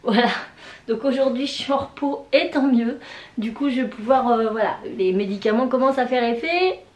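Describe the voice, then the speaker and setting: A woman vlogs casually in a fairly high voice that is hoarse and worn from swollen tonsils. She rambles with hesitations, and the room around her echoes noticeably. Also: normal speed, darkish tone. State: sick with tonsillitis, hoarse, voice mostly gone. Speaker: vlogger. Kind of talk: casual vlog chat. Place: indoors, bedroom. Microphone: camera on a tripod.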